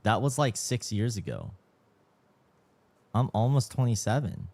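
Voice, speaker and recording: A man's voice: mid-range voice, very animated, a little slow, a little mellow. A man in his mid twenties, chatting casually as a livestream host, slangy and swearing freely, sounding tired. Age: 20s. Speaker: streamer.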